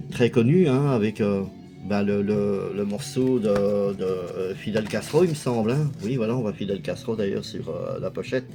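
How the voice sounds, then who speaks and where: A man casually commenting as a video host, chatty and hesitant, with lots of fillers. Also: fairly low pitch. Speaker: video host showing a music collection.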